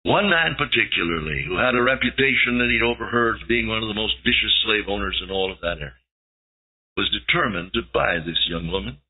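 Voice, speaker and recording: Husky preacher man on tinny tape. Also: lowish voice, expressive, fairly quick. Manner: dramatic retelling, rising to emphatic peaks. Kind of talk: sermon storytelling.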